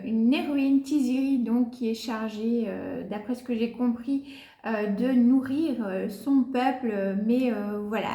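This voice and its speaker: Woman, high voice, hesitant fillers, casual book vlog, echoey room. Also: darkish tone. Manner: hesitant, many "euh" fillers. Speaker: book vlogger.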